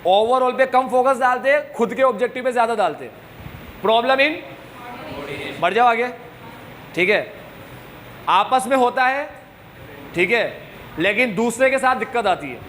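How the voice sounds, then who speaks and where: A man with a high-pitched voice gives a classroom lecture to students, slipping English terms into his talk. He teases and scolds them as he explains. Faint noise hums behind him. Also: animated, normal speed, long pauses, fairly bright tone. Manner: scolding, joking, mixes English into Hindi. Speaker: commerce teacher.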